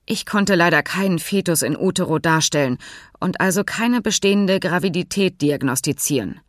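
A woman's voice: fairly low pitch, lively intonation, moderate pace, dry recording, clean studio sound, close to an everyday voice. A woman reading an audiobook, voicing a timid, pedantic male veterinarian who talks stiffly and formally. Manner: nervous, stiffly formal, jargon-heavy.

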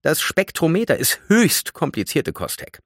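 A man voicing a condescending young female tree nymph in a storybook reading, raised high above his own voice. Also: wildly swooping pitch, normal speed, a bit bright, no echo, studio quality, full character voice. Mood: haughty. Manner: condescending, know-it-all.

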